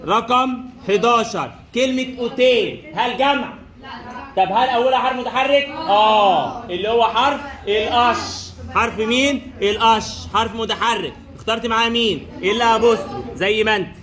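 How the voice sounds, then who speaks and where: A man's voice: very high voice, moderate pace, a bit bright. A man teaching French in a classroom with an Egyptian Arabic accent, repeating each question and answer as he quizzes his students. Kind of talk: classroom lesson drilling answers. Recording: echoey room.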